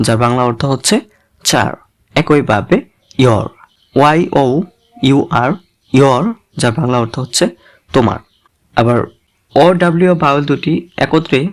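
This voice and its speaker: A man teaching English reading, spelling out letters one by one and blending them into words in a deliberate, repetitive way. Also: medium pitch. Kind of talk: slow spelled-out pronunciation lesson.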